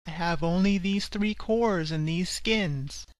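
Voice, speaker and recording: A woman with a Canadian accent voicing a kindly old father, speaking gently. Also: on the low side, takes it slowly, no room sound. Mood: gently chiding.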